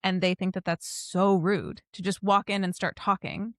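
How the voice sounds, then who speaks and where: A woman's voice: mid-range voice, fairly even intonation, moderate pace, dry recording. Woman, casual podcast co-host, talkative, dry mic. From United States. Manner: chatty, laughs often, mimics voices. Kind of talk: casual chat.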